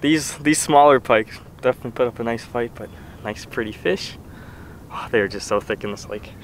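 A man's voice: mid-range voice, moderate pace. Young guy on a boat talking into a chest cam, laughs a lot, bit of wind and water noise. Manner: excitable, laughs often. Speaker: fishing vlogger. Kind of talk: casual on-the-water narration. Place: outdoors on a small boat on a lake. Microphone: action camera strapped to his chest.

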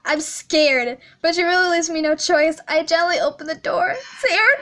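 High-voiced nervous woman gamer. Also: flat delivery, fairly quick, bright, forceful tone, a little hiss or hum. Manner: nervous, stammering, laughing anxiously. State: scared, heart racing. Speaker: gaming channel host. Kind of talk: let's play, reading a visual novel aloud.

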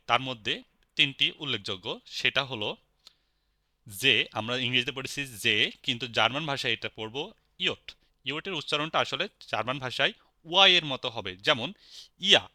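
A man with a Bangladeshi Bengali accent teaching a spoken language lesson, patiently repeating each word slowly. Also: mid-range voice, bright, forceful tone, no echo, studio quality.

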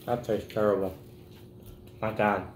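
A man casually tasting hot sauces, giving blunt, deadpan verdicts. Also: on the low side, a little slow. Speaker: taste tester. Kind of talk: casual chat. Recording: roomy with faint noise.

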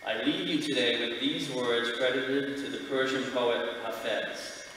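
A middle-aged man delivering a sermon from notes like a vicar, with measured, emphatic phrasing in a large church. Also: mid-range voice, fairly even intonation, bright, forceful tone. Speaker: lay speaker giving a church sermon. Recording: echoey church hall, distant mic, background noise.

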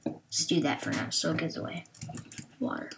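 A woman hosting a gaming video, talking slowly and hesitantly through what she is doing, with many fillers. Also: sits low, creaky, noisy background. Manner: hesitant, thinking aloud with fillers. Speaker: gaming channel host. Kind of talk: Let's Play commentary.

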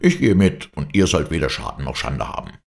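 A man's voice: deep voice, huge pitch swings, a little slow, vocal fry, voice pushed up, heavily acted. A man voicing a bold, greedy wolf who talks boisterously in a storybook tale. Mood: defiant. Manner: defiant, boisterous.

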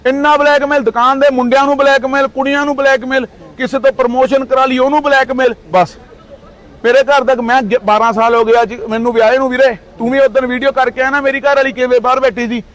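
High-pitched, fast-talking angry man. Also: level tone, fairly bright tone. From Punjab, India. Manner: indignant, accusing, rapid outbursts. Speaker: interviewee. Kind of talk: heated street interview.

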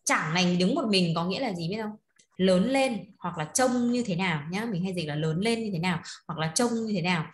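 A woman's voice: lowish voice, a little fast. A woman teaching an online class. She explains words, repeats them and prompts her students to read aloud. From Vietnam. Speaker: Chinese language teacher. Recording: echoey room.

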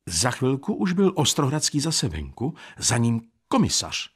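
Husky, animated male storyteller. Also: medium pitch. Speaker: audiobook narrator. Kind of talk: reading a classic short story.

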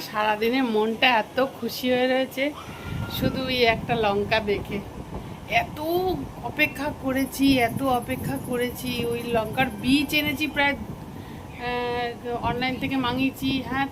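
A woman from West Bengal with a Bengali accent, chatting casually through a home vlog, rambling and filling gaps with hesitation words. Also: on the high side. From West Bengal, India. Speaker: vlogger. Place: home kitchen and balcony, festival night. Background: noise, firecrackers and street ambience.

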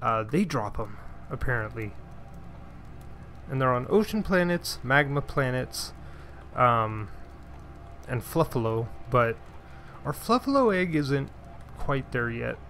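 A man's voice: mid-range voice, very animated, slow pace, fairly bright tone, a little hiss or hum. A man giving casual gameplay commentary, talking to himself and his pet as he plays, with mild frustrated sighs. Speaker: let's play gamer.

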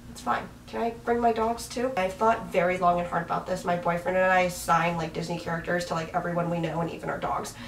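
A fast-talking young woman in her twenties from Washington State, with a fairly low voice, fairly even intonation and few pauses, vlogs from her bed with a dog in a small bedroom. She chats casually to the camera, laughing at herself as she rambles. The camera mic is a few feet away, so the sound is roomy and slightly distant, with a little hiss or hum.

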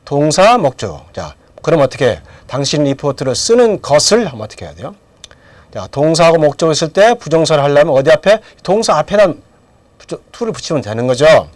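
A man's voice: a little high, big pitch swings, fairly quick, dry recording. A middle-aged man teaching English grammar in a lecture, asking questions and then answering them himself. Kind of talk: lecture with drills.

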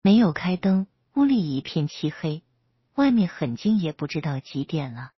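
A woman storyteller reading a romance story aloud in a soft, even manner. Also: low-pitched, moderate pace, husky, dry recording, muffled recording.

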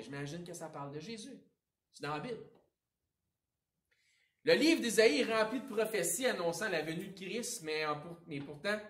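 A man with a Quebec French accent preaching a sermon as pastor, with a conversational style, informal asides and big swings between loud and quiet. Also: on the high side. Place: church sanctuary. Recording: roomy echo, voice picked up from a distance.

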